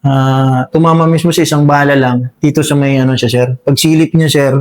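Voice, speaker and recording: A man, a soldier, recounting a combat encounter in an interview, talking haltingly with many fillers and addressing the listener as sir over and over. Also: medium pitch, steady tone. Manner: halting, full of fillers, says "sir" constantly. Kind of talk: spoken war story in an interview.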